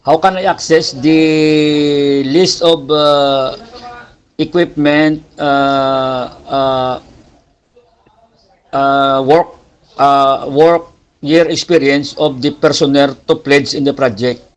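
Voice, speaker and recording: A man on a video call, speaking haltingly as a bidder while his garbled connection keeps cutting out. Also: a little high, fairly even intonation, smooth, poor audio. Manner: halting, searching for words. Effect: garbled video call audio cutting out. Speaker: prospective bidder asking questions. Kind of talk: online public meeting.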